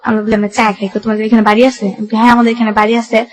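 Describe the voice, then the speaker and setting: Racing along in a level tone, a young woman's fairly high voice recounts her personal life story as a guest. She speaks with a Bangladeshi Bengali accent, stringing colloquial sentences together and quoting what people said.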